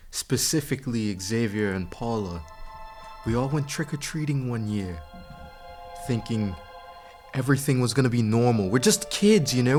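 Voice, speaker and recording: A man tells a spooky childhood story in a TV studio, his pitch swinging up and down as he goes. He rambles casually and jokes along, with music playing behind him. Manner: rambling, lots of "like", animated and jokey. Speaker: community storyteller. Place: community TV studio.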